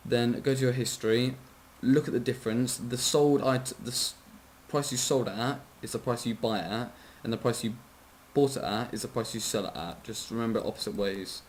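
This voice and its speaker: A man's voice: mid-range voice, moderate pace, few pauses. A drowsy man talks through a casual game tutorial in an ordinary mid-range voice. He rambles, keeps apologizing, trips over numbers and corrects himself, with the odd swear. A faint hiss sits under his voice. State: sleepy, yawning.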